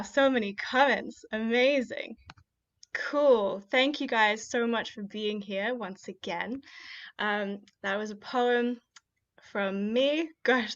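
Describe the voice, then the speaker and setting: Heard through dull, muffled live-stream audio, a young Kenyan woman with a slightly high, somewhat bright voice runs an online poetry showcase. She chats upbeatly, using fillers between comments, and performs a spoken-word poem she wrote.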